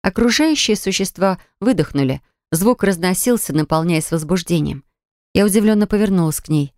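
A woman narrating an audiobook in an even storytelling manner. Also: on the low side, moderate pace, no room sound, studio quality. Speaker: audiobook reader.

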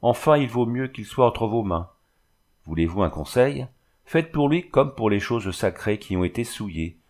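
A man voices a kindly village priest with a wry, gentle way of advising. His voice sits low and calm, as in an audiobook reading. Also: normal speed. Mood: gently wry.

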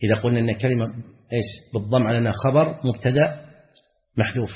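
A man, a sheikh, teaching a religious text in a classroom lesson, repeating words slowly and asking the class questions. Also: medium pitch. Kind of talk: classroom lesson explaining grammar. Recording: lo-fi, echoey hall.

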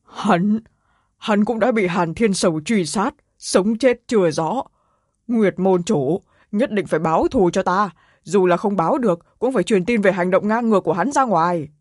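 A man's voice: high-pitched, moderate pace. A man voicing a badly wounded, dying hall master in an audiobook, speaking in a strained, pleading way over a dry, close sound. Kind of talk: audiobook character reading.

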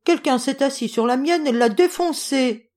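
A woman reading a storybook, voicing a tiny whiny bear cub in a squeaky little voice. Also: normal speed, darkish tone, lightly acted. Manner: squeaky, whimpering.

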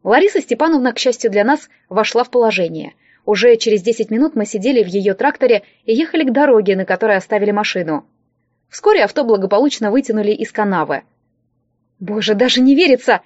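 A woman telling a first-person audiobook story in a lively, playful way. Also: medium pitch, fast, no room sound. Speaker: audiobook narrator. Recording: dry, slightly dull audio.

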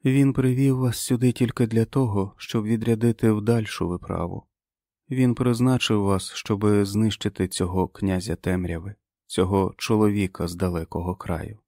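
A man voicing a frail, very old prophetic woman who speaks slowly and solemnly, in an audiobook. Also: lowish voice, fairly even intonation, warm tone, dry recording, clean studio sound, natural voice. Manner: slow, solemn, preaching. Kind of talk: audiobook character voice.

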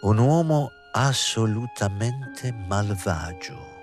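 A man's voice: fairly low pitch, expressive, slow, faint music behind. A man reading the part of a playful, girlish great actress with a teasing manner. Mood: rapt. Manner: teasing, coy, fluttering up and down.

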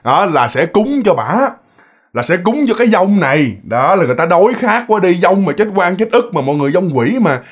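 A man with a Southern Vietnamese accent narrating a spooky tale as if chatting with friends. His voice sits a little high and he fills his talk with casual asides to the listeners. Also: sing-song, fairly quick, breathy edge. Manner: chatty, addresses listeners, lots of fillers. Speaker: ghost story narrator. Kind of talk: casual spoken storytelling.

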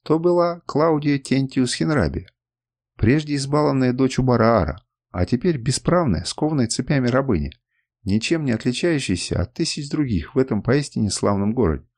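A man narrating an audiobook in an expressive storytelling manner. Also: medium pitch, moderate pace.

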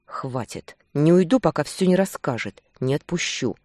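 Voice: medium pitch, lively intonation, moderate pace, a little mellow, no room sound, clean studio sound, natural voice. The reader voicing a possessive, hot-tempered male werewolf who presses and commands in a romance audiobook. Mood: demanding.

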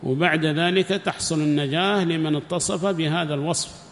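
A man's voice: on the high side, steady tone, moderate pace. A man giving a religious lesson, speaking emphatically with repeated phrases and rhetorical questions. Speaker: religious teacher. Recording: long reverb with faint background noise.

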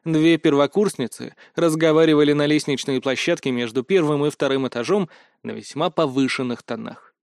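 A man reading first-person audiobook narration with brisk, wry storytelling. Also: on the high side, gravelly, darkish tone, no room sound, clean studio sound.

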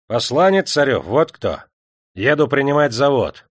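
A man's voice: on the high side, expressive, normal speed, fairly bright tone, no echo, clean studio sound, voice pushed up. A man voicing a boastful male factory clerk who turns frightened and pleading. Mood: sly. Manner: pleading, wailing.

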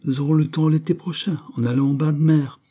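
A man's voice: medium pitch, expressive, normal speed, dark tone, breathy edge, voice pushed up. A man voicing a cold, haughty middle-aged mother in an audiobook, curt, dry and commanding. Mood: peevish. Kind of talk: audiobook character reading.

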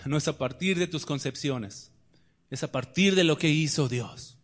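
A man preaching a sermon, firing rhetorical questions and swinging between loud declarations and quiet asides. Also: on the high side, normal speed.

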